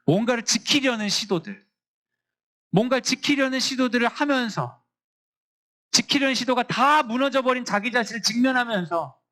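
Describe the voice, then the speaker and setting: A man chaplain teaches a Bible lesson to students in a lively, animated way. His voice sits slightly high for a man and swings widely in pitch. He slips into quick acted-out voices of teachers and students.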